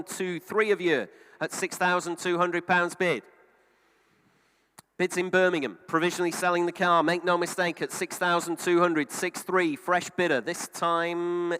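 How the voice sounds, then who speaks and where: British male auctioneer, middle-aged, bright and fairly high voice, repetitive bid-calling patter, hall reverb. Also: clean tone. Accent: British English. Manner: repeats bids in a running patter. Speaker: car auctioneer. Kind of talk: live auction bid calling with chatty asides.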